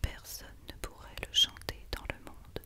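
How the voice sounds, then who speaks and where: A woman reads a Christmas story as ASMR in a breathy, unvoiced whisper, hushed and quiet as if at night. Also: moderate pace. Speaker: ASMR reader.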